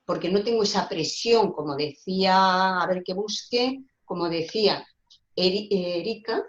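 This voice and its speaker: A woman's voice: on the low side, measured pace. Earnest woman, roomy lo-fi call. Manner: earnest, searching for words, many restarts. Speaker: guest speaker. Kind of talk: discussion talk on social rights. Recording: roomy, dull lo-fi call audio.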